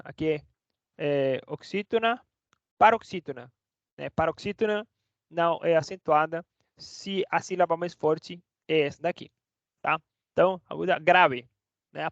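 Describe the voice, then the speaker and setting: In a fairly high voice, a Spanish teacher who grew up speaking Portuguese chats through a casual online lesson, checking in with the class every few words. The sound is dry, dull and lo-fi, without echo.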